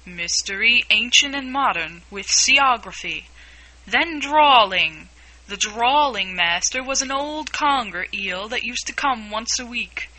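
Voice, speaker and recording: A gloomy, sighing sea creature drags out every word in a slow, mournful storybook voice, as a woman reads him. The tone is bright and sharp-edged even in his sorrow. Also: fairly high pitch, rough recording. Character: gloomy sobbing male Mock Turtle, slow and sighing.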